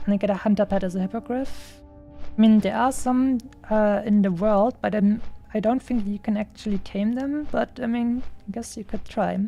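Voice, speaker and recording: A young German woman with a German accent streams a game, chatting casually and playfully in a mid-range, gravelly, dark-toned voice. She giggles and laughs often and uses lots of fillers.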